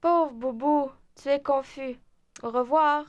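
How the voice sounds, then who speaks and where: A woman voicing a cheerful young girl planning her birthday party, in a slow, clear scripted language-lesson dialogue. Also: high-pitched, fairly even intonation. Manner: slow, clear, deliberate speech.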